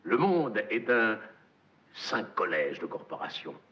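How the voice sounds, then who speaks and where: An actor delivers a film monologue as a domineering, messianic corporate magnate, using hammy, theatrical stage declamation in a gravelly male voice. Lowish and sing-song, he speaks slowly in a hushed, evangelical mood. The film soundtrack sounds dull and echoey.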